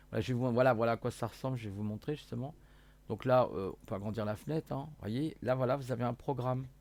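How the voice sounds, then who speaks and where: A man casually walking viewers through electronics software, hesitant with many fillers, self-corrections and jokey asides. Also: on the low side, gravelly. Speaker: hobbyist electronics youtuber. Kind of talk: casual screen-share tutorial.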